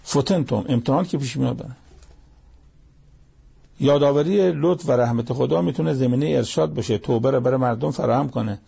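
Gravelly, husky-voiced male preacher. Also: mid-range voice, warm tone. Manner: recites Arabic verses, explains in Persian, asks pointed rhetorical questions. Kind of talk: sermon on Quran verses.

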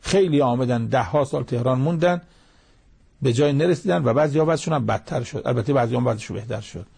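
Gravelly, husky-voiced male preacher. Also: mid-range voice, a little mellow. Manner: recites Arabic verses and tells moral anecdotes. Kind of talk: sermon with Quran commentary.

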